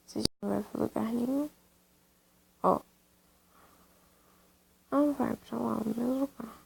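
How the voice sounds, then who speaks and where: Young woman, gaming commentary, chatty, high voice, husky with some fry. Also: a little slow, a little mellow. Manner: chatty, talks to her game dog in baby talk. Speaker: gaming youtuber. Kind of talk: casual game commentary.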